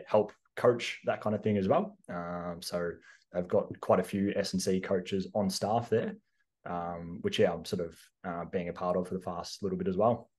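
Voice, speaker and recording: A young Australian man, a strength coach and podcast regular, chatting casually and easily with plenty of ums. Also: low-pitched. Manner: relaxed, easygoing, with frequent ums.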